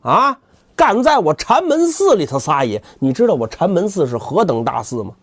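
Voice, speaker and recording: A brash, cynical temple sweeper monk played by a male storyteller with a highish, very animated voice. He hectors in street-level colloquial speech, firing rhetorical questions about money. The sound is close and dry. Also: moderate pace, no echo. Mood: indignant, boastful.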